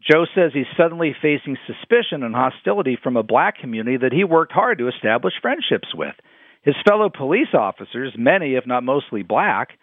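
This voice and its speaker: A man's voice: mid-range voice, no room sound. A man delivering a scripted radio commentary, emphatic and quoting his sources. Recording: dry phone-like radio sound.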